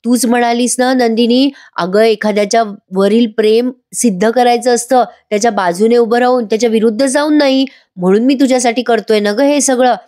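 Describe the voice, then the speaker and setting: Brief: woman reading a two-faced young man sweet-talking, raised pitch. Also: fairly even intonation, brisk, darkish tone, lightly acted. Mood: wheedling.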